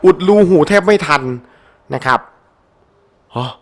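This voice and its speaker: A man giving excited let's-play commentary over a game, animated and playful, with frequent shouted exclamations and crude slang. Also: fairly high pitch, slow pace. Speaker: gameplay commentator. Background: faint game music.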